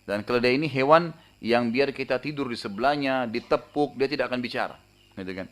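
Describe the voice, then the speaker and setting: A male preacher tells a story in his sermon, talking quickly and briskly at a medium pitch. He keeps it lively, tags his lines with casual fillers and raises his voice when the story calls for shouts. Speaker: Islamic preacher.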